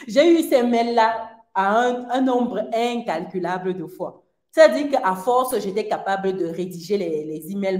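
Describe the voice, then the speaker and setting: Woman, lively self-mocking storyteller, laughs often; roomy, echoey sound. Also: medium pitch. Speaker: speaker addressing an audience. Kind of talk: personal storytelling to an audience.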